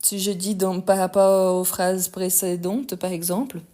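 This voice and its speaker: Woman, non-native accent, French teacher on a live stream, patient explainer who drifts faster. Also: on the low side, flat delivery, dark tone. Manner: tends to speed up while talking. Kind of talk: live online language lesson.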